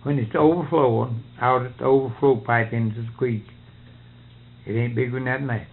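A man's voice: mid-range voice, fairly even intonation, normal speed, a little hiss or hum. An older man, chatting casually about farm life in folksy, ungrammatical country speech on a narrow, tinny recording. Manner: folksy rural speech with nonstandard grammar. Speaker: farmer being interviewed.

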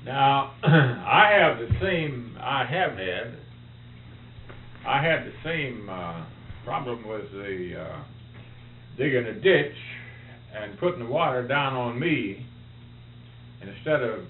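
A man's voice: mid-range voice, lively intonation, takes it slowly, pauses often. A man in casual conversation, talking in plain, folksy country speech on a tinny, humming tape. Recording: roomy, tinny tape with faint hum.

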